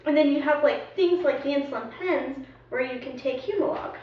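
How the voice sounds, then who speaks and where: Playful high-voiced young woman, echoey room. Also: a little fast, a little hiss or hum. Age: young adult. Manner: playful, singsong, chatty explaining. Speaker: student presenter. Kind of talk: casual student video skit. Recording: echoey room, far from a dull mic.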